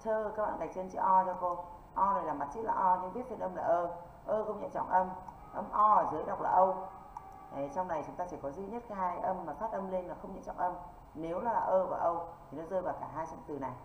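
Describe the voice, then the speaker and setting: A woman English teacher from northern Vietnam, running an online exam-prep lesson and constantly checking in with quick rhetorical questions. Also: fairly low pitch. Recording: echoey, dull lo-fi with faint noise.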